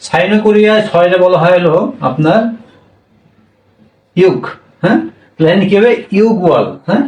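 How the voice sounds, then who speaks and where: A man teaching a language class, speaking slowly and going over each word again, often pausing to check that listeners follow. His voice sits a little high. It rings in an echoey room and comes from some distance away from the mic. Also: a little mellow. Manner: slow, repetitive, checks with "হ্যাঁ?".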